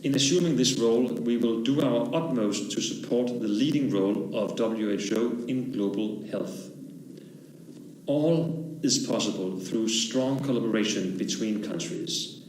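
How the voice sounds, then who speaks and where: A man's voice: mid-range voice, unhurried, a little mellow. A man from Denmark reading a formal, scripted podium speech as a national delegate. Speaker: national delegate addressing an assembly. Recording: echoey room, faint background noise.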